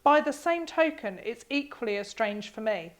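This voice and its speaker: Expressive woman host, slightly high voice, reading emails aloud, casual and emotional. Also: moderate pace. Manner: emotional, expressive, laughs often.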